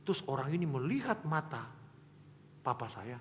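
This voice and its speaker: A man preaching a sermon as a pastor, telling stories with shifts between loud emphasis and hushed asides. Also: mid-range voice, sing-song, moderate pace, long reverb tail, a little hiss or hum. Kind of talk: sermon storytelling.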